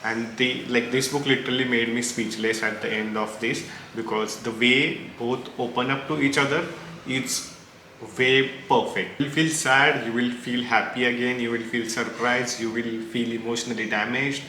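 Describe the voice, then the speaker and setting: A man with an Indian accent reviews books, reacting casually and opinionatedly to recommendations as he rambles and mixes Hindi into English. His medium-pitched voice is flat in delivery, bright and forceful, at a moderate pace. The room is echoey, with clear background noise.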